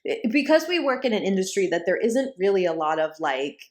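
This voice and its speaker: A woman's voice: mid-range voice, sing-song, fairly quick. A woman co-hosting a podcast in casual conversation, chatty, with sarcastic asides and frequent checks that she is understood. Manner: chatty, sarcastic asides, frequent "like" and "do you know what I'm saying". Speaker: podcast co-host.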